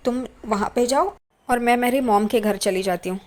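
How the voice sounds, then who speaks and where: A woman's voice: fairly high pitch, moderate pace, darkish tone, natural voice. A woman voicing a reluctant, complaining young wife in a retelling.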